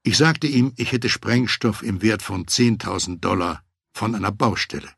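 A man with a low, slightly husky voice reads a first-person memoir as an audiobook. He tells it in a measured, matter-of-fact way. The recording is dry and close, with no room sound. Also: fairly bright tone, dry recording. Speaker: audiobook narrator.

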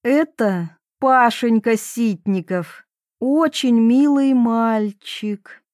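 A woman voicing a cheerful, unflappable middle-aged mother who chirps and coos in a high voice. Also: steady tone, a little slow, darkish tone, dry recording, clean studio sound. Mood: chirpy. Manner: chirping, cooing, lightly lisping baby talk.

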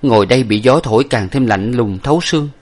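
A man voicing a dignified, grief-stricken young gentleman in a storybook, with a measured manner. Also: medium pitch, pitched above the performer's own voice, natural voice. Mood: weary.

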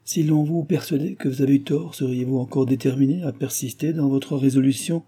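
A male reader voices a stern, grave older advisor from a classic novel who issues admonishing warnings, pitching him above his own natural voice. The character's mid-range voice is dark, mellow and husky, delivered steadily with the measured authority of audiobook storytelling.

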